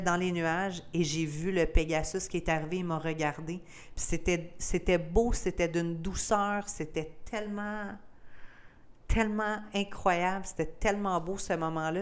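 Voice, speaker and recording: A young Québécoise woman with a low, smooth voice tells a personal story on her podcast. She speaks candidly and with feeling, slipping English words into her Québécois French. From Gaspésie, Quebec, Canada. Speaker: podcast host.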